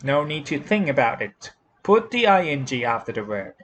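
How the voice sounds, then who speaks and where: A man teaching English grammar with a Thai accent, explaining slowly and repeating each word and rule, spelling out letters one by one. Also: mid-range voice, big pitch swings, a bit bright, highs cut off, a little hiss or hum. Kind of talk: slow classroom explanation.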